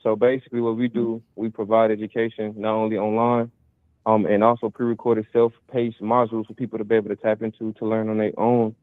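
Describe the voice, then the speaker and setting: A man's voice: lowish voice, little pitch movement, brisk, no echo. Give me a young man calling in on a muffled, tunnel-like phone line. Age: 20s. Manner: earnest, motivational, speaks in long run-on stretches. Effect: muffled phone line that sounds like a tunnel. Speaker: caller. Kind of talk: call-in talk on a morning show. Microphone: phone call. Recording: tinny, dry phone line.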